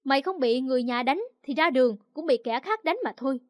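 A woman storyteller puts on a stern, dismissive middle-aged father who berates his daughter with scorn. The voice sits high and close, on a dry recording with no room echo. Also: fast talker, lo-fi sound, close to an everyday voice. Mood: angry. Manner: scolding, contemptuous.

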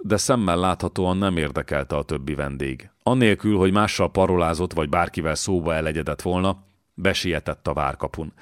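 A man narrates a historical novel in a deep, low voice. His reading is measured and dramatic, and the sound is dry and close. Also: no echo. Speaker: audiobook narrator. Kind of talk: scripted narration.

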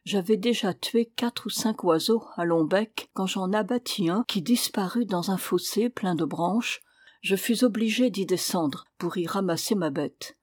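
A woman narrating a classic short story as an audiobook, in a measured, steady storytelling manner. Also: on the low side, no echo.

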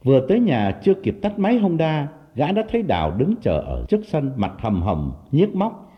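A man narrating an audiobook ghost story in an expressive storytelling manner. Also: fairly high pitch, moderate pace. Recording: slightly dull audio, faint music behind. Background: faint music.

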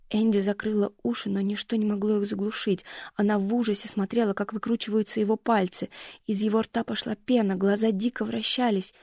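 Brief: woman audiobook narrator, husky, mellow, steady, dry booth. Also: medium pitch, dry recording.

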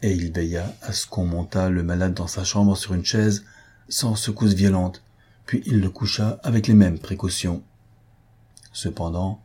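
A man reading a classic novel aloud as an audiobook narrator, in an even, measured way. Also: low voice, slightly rough. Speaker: audiobook reader.

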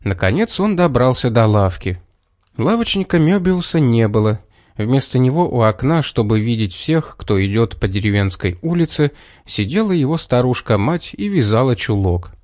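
Man, storybook narration, expressive, lively pitch, dry close recording. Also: normal speed, no echo.

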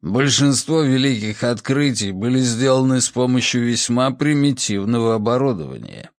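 A man's voice: mid-range voice, animated, moderate pace, no echo, studio quality, close to an everyday voice. A man voicing a grumpy, skeptical old judge who grumbles his doubts. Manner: gruff, skeptical. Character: grumpy old half-deaf male judge.

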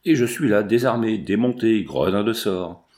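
Un homme jouant un vieux trappeur rieur. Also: male voice, lowish voice, expressive, normal speed, a little mellow, lightly acted. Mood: rueful. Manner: cackling, gruff, folksy. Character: jovial old male mountain trapper, cackling.

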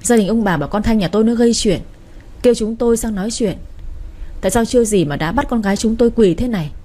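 A woman voicing an aging mother who laments loudly and fast while defending her daughter. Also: fairly high pitch, close to an everyday voice. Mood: tearful outrage.

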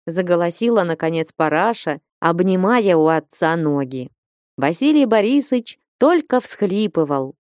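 A woman narrating an audiobook in a measured, unhurried reading. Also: lowish voice, expressive, a little mellow, no room sound, clean studio sound.

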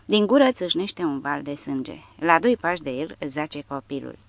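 A woman reading an audiobook aloud as scripted narration, lifting her voice for shouted lines. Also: sits low, expressive, vocal fry, no echo. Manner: reads dramatically, raising voice for shouted quotes.

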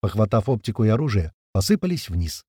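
Brief: male audiobook narrator, dark tone, lively pitch, dry close sound, chatty first person. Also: quick pace, breathy edge, dry recording. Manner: conversational, swears casually.

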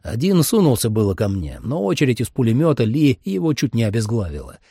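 Male audiobook narrator, lively first-person action read, dark husky voice, dry close sound. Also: mid-range voice, a little fast, no echo. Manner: expressive, dramatic.

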